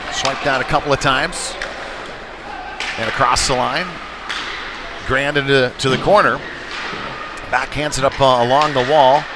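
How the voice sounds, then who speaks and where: A mid-range male voice delivers live play-by-play of a hockey game, tracking the action in broken, trailing phrases. Background noise includes arena music playing over the public address.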